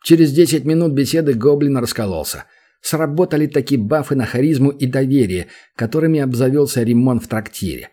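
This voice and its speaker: Husky male audiobook narrator. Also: medium pitch, lively intonation, fairly quick, dark tone.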